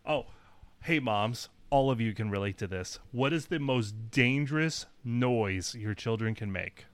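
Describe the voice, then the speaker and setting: A man's voice: mid-range voice, a little slow. A man co-hosting a casual podcast, trading playful jokes and laughing often. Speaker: podcast co-host.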